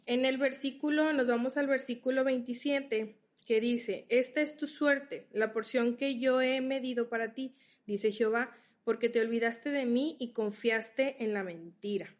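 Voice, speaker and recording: A woman teaches a Bible study, her voice sitting slightly high. She speaks slowly and patiently, reading scripture aloud and unpacking it step by step. She often stops to make sure her listeners are keeping up. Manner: explains patiently, reads verses aloud, checks in with listeners.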